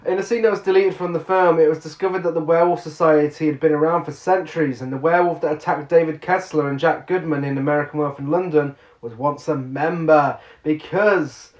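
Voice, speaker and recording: A man's voice: a little high, fairly even intonation, fast, few pauses, a little mellow. A man co-hosting a casual film podcast, laughing a lot and sarcastic as he reads out trivia. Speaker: podcast co-host. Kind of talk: casual film review chat. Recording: roomy, muffled sound.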